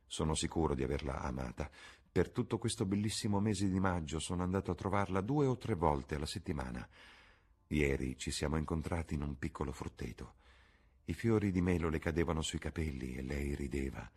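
A man reading a troubled young gentleman. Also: lively intonation, fairly quick, slightly rough, exaggerated voice. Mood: confessional. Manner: earnest, confessional, dropping low on asides. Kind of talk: audiobook character reading.

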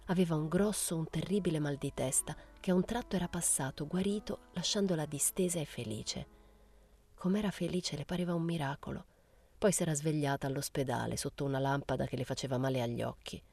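A woman narrating a literary audiobook in a measured, unhurried way. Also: deep voice, darkish tone, breathy edge, dry recording. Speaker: audiobook reader.

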